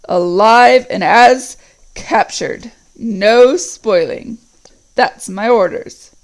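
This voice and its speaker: Ugluk, a woman doing a growling orc chief. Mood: commanding. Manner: deep growl, slow and heavy. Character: huge male orc captain, commanding, brutal.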